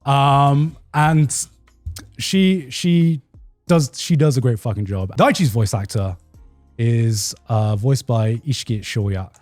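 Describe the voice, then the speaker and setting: A man chatting casually as he tells an anecdote, informal and quick to swear. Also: mid-range voice, darkish tone, no echo, soft background music. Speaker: show host who cast an anime. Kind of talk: casual chat, telling an anecdote.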